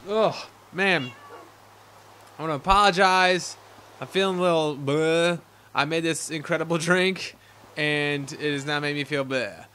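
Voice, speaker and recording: A man's voice: fairly high pitch, steady tone, unhurried, pushed and bright, clear, resonant tone. A young man hosting a casual game let's-play, chatting in a rambling way full of fillers. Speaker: gaming channel host.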